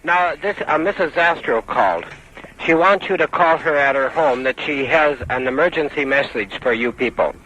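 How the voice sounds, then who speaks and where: An American man calling in from the police to relay a message in a halting, plain-spoken way. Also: on the high side, bright, forceful tone. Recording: lo-fi 1960s phone call, faint noise.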